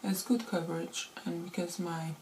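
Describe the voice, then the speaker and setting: A woman's voice: lowish voice, little pitch movement, normal speed, darkish tone, a little hiss or hum, rough recording. Woman vlogger with a rusty morning voice. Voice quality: slightly rusty, unused morning voice. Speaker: beauty vlogger. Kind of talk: casual chatty makeup tutorial.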